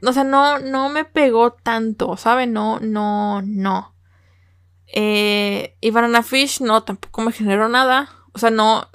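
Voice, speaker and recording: A woman's voice: fairly high pitch, smooth, dry recording, studio quality. A young Mexican woman with a Mexican Spanish accent, talking casually and emotionally to viewers about an anime, often repeating words. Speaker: anime reviewer.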